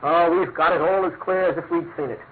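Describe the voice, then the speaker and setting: An actor playing a chatty, self-assured British police inspector in a radio mystery, talking in clipped, matter-of-fact phrases. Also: male voice, a little high, fairly even intonation, a little fast, close to an everyday voice. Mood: confident, genial. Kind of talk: classic radio mystery drama acting. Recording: tinny, noisy old radio recording.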